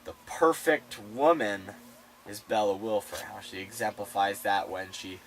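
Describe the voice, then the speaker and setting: A young man co-hosting a casual book discussion, playful and excitable, acting out the quotes. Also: lowish voice, measured pace. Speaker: student co-host. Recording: distant mic, faint room noise.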